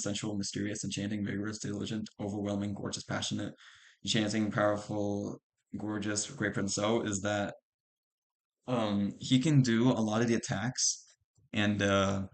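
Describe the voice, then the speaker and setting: A young man streaming, casually walking through boss strategy over gameplay footage with a loose, filler-heavy way of talking. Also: on the low side. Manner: loose and conversational, many fillers, talks over replay footage. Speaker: streamer giving a game strategy guide.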